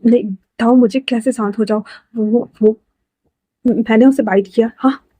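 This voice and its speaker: A woman's voice: a little high, fairly even intonation, a little slow, dry recording. A woman voicing a possessive young man who stammers as he insists and coaxes. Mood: anguished insistence. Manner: stammering, insistent, then soft and coaxing. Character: possessive, anguished young male alpha.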